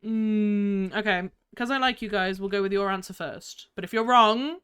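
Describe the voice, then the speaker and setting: A woman streamer chatting live with her viewers in a bubbly, giggly, excitable way while playing games. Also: medium pitch, moderate pace, clear, resonant tone. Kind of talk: live gaming stream chat.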